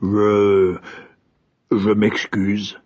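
Man voicing an old storybook king, husky and low, soft and fretful, dull recording. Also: unhurried. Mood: awkward, polite.

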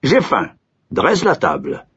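A man's voice: medium pitch, wildly swooping pitch, takes it slowly, a bit bright, slightly rough, voice pushed up, exaggerated voice. A man voicing a majestic old lord who gives curt, imperious orders. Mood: commanding. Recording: dull lo-fi recording.

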